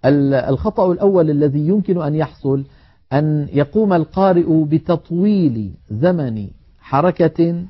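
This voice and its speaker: A man teaching Quran recitation in a televised lesson, explaining in a measured way and chanting example words slowly. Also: fairly high pitch, lo-fi sound.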